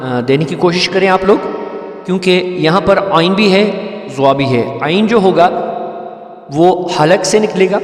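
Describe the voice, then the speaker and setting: High-voiced man teaching recitation, echoey hall. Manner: patient step-by-step explanation, breaking into slow melodic chanting. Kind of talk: tajweed lesson with chanted recitation.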